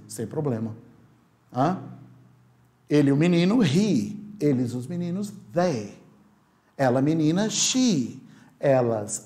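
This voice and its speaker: A man teaching an online English lesson, lively and demonstrative, repeating sounds for the learner. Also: on the high side.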